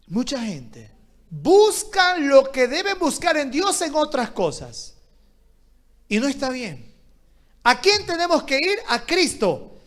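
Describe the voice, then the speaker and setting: Man, pastor, sermon, very high voice, slow deliberate pace, shouts then quiet asides. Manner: swings from loud shouted exhortation to quiet low asides; calls on the congregation to answer aloud.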